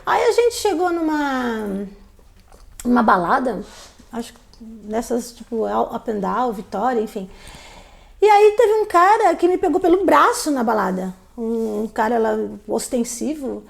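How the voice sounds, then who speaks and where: A woman telling a personal story as a live stream host, in a lively storytelling way that acts out the voices of the people in it. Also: fairly high pitch, a little slow, vocal fry. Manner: animated, acts out quoted voices.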